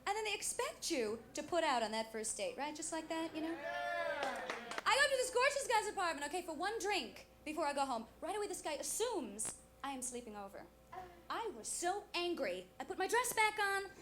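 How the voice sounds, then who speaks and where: A woman's voice: very high-pitched, very animated, a little fast. A woman from New York doing stand-up comedy, chatty and constantly checking in with the audience with little tag questions. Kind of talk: stand-up comedy with prop gags and impressions. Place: comedy club stage. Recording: noisy live club recording with audience. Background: audience noise and laughter.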